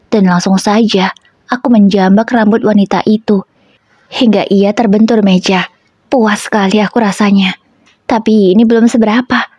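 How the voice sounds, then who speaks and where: A woman's voice: medium pitch, steady tone, normal speed, a little mellow, breathy edge, dry recording, muffled recording. A woman narrating an emotional first-person story about her marriage, with an indignant tone.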